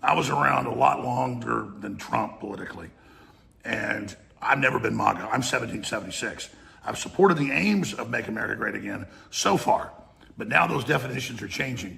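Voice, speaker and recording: A man's voice: medium pitch, lively intonation, normal speed, creaky, bright, forceful tone. A man giving a combative political rant, speaking straight at the person he is attacking. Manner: combative, addresses target directly. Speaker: political commentator. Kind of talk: political rant played as a clip.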